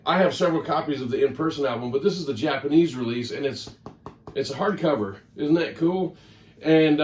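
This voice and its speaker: A man with a medium-pitched, slightly mellow voice vlogs about his records in a loose, rambling way, often stopping to correct himself. The recording sounds roomy, picked up by a distant mic.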